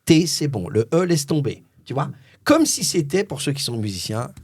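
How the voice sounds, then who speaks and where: A middle-aged French man, a voice-over artist, telling a story in an animated, theatrical way and acting out the dialogue. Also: on the high side, normal speed, husky, no room sound, studio quality. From France.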